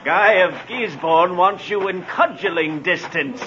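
An actor playing a gloating, blustering villainous medieval sheriff in theatrical 1950s radio drama style. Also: male voice, high-pitched, slow pace, noisy background. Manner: theatrical, crowing, old-fashioned speech. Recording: dull old radio recording.

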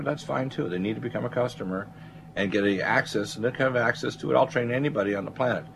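A man's voice: medium pitch, vocal fry, a bit bright, a little hiss or hum. A man hosting a talk show as a doctor, speaking off the cuff to listeners in a self-assured, salesman-like way. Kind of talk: unscripted monologue to listeners.

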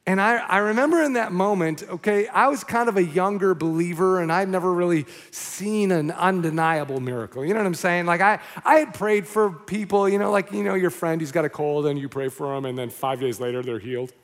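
A man preaching a sermon from a church stage, telling a story in an animated, rambling way, with many fillers and restarts. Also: high-pitched, fairly quick, hardly any pauses, long reverb tail. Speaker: pastor.

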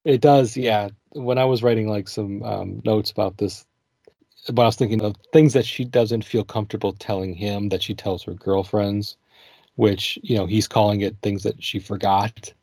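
Male podcast co-host, low voice, relaxed conversational delivery, dry sound. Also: normal speed, gravelly, no echo. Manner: relaxed, thinking aloud with fillers and laughs. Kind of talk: casual music podcast chat.

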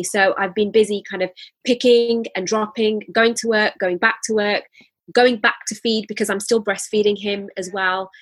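Husky woman, candid and hesitant. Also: mid-range voice. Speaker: business founder being interviewed. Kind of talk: casual interview talk.

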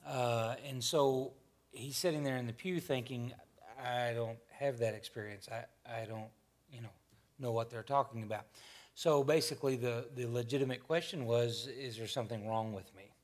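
Man, 50s, church panel host. Folksy, rambling, mid-pitched, keeps restarting lines. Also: steady tone, normal speed. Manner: rambling, self-correcting, folksy. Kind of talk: casual church discussion.

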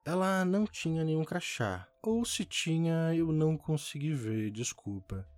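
A man's voice: a little high, expressive, a little slow, no room sound, faint music behind. Dramatic male horror story narrator. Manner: dramatic, with sharp rises and falls for suspense. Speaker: podcast host reading a listener's story.

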